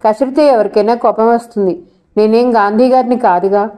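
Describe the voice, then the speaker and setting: A woman's voice: on the high side, fairly even intonation, fairly quick, warm tone, close to an everyday voice. A woman reading as a teasing young college girl. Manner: teasing, coaxing.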